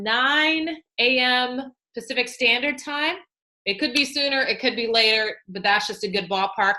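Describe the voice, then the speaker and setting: A young woman leads her team through weekly shout-outs and news in an enthusiastic, cheerleading manner. Her voice sits slightly high and has a bright, forceful ring. She talks casually, with plenty of ums and quick asides. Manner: enthusiastic, cheerleading, chatty with fillers. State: newly pregnant and feeling sick. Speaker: team leader hosting a coaching call. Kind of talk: upbeat team announcements on a live call.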